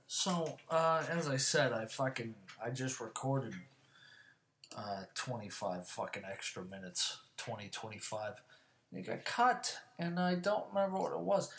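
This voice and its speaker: A man hosting a solo podcast, swearing constantly in a casual ranting monologue that grows louder and higher when he is annoyed.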